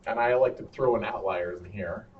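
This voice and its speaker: A man's voice: lowish voice, moderate pace. A man leads a seminar in a playful, quizzing manner, tossing questions at the room. He sounds distant and a little muffled, picked up from across the room. Faint hiss sits under his voice. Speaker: seminar presenter. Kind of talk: interactive classroom lecture.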